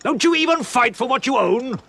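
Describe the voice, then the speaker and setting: A sneering, high-voiced agitator. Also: male voice, animated, fairly quick, sharp tone, husky, full character voice. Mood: urgent. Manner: taunting, sarcastic. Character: scornful male agitator bringing bad news. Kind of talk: 1970s film acting.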